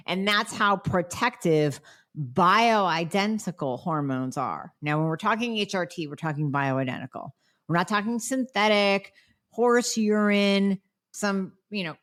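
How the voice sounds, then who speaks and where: Recovering from a cold, this woman doctor sounds nasal as she fields listener questions on her own podcast. Her medium-pitched voice is a bit bright, and she answers bluntly and emphatically, throwing in sarcastic remarks.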